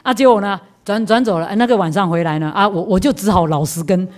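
A woman with a Taiwanese accent delivers a Buddhist talk as a lively personal anecdote. Her voice sits in a middle range, and she keeps turning to the listeners with quick asides, laughing and repeating herself as she goes. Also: mid-range voice. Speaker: Buddhist lecturer. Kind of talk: storytelling sermon.

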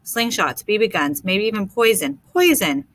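A woman's voice: mid-range voice, brisk, bright, forceful tone. A woman reading as an anxious young boy. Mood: worried. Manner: worried, repetitive. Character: anxious ten-year-old boy.

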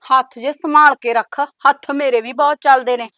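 An actress playing a scheming, bossy elder sister-in-law who talks down to the newcomer in a taunting way. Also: female voice, sits high, fairly even intonation, moderate pace, pushed and bright. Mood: contemptuous. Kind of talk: village family drama acting.

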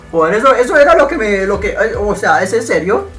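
An excitable man narrates his own gameplay, yelling and cursing whenever things go wrong. His voice swings up and down a lot as he reacts. He talks to his viewers like a channel host. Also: sits high, moderate pace, soft background music. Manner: excitable, shouts and swears at the game. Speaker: gaming YouTuber. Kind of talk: gameplay commentary.

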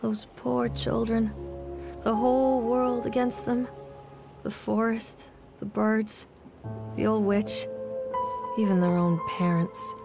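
A woman's voice: fairly high pitch, little pitch movement, takes it slowly, vocal fry, pauses often. A woman delivering a wistful, brooding inner monologue as a game's protagonist. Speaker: game protagonist. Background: music.

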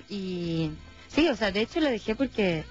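A young Chilean woman with a Chilean accent, chatting casually and candidly as a singer guest in a radio studio, speaking into a desk mic with fillers and pauses. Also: mid-range voice, faint music behind. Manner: relaxed, candid, hesitant with fillers. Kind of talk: casual interview chat. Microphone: desk microphone. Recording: dull lo-fi sound.

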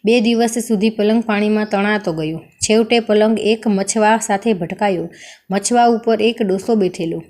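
A woman's voice: medium pitch, a little mellow. A woman reading a folk tale aloud, expressively voicing the characters' lines. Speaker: storyteller.

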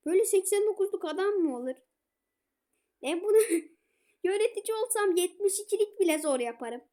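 A woman playing a football video game, commenting and shouting at her players. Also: extremely high pitch, expressive, moderate pace. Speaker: gaming streamer.

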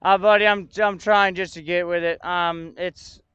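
This livestreamer has a high, sharp, clean voice with a steady tone and moderate pace. Frustrated, he chats with his audience and thinks aloud while sorting out tech problems. No echo, though the highs are clipped.

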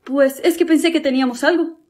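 A woman's voice: sits high, fairly even intonation, a little fast, a little mellow, close to an everyday voice. A woman playing a lovesick young man who keeps pleading with the girl he adores. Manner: pleading, persistent.

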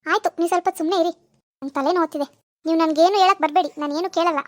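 A woman's voice: extremely high pitch, steady tone, racing, no room sound, clean studio sound. A woman voicing a jealous, whiny cartoon wife. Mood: snappy. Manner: whiny, sulky and scheming. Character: spiteful, jealous young wife, elder daughter-in-law. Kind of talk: cartoon voice acting.

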